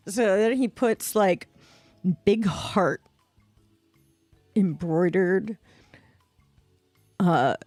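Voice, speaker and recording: A woman streamer telling a story slowly and casually, with laughs and imitated squeak sounds, from home at a desk mic. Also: expressive, darkish tone, no room sound, faint music behind.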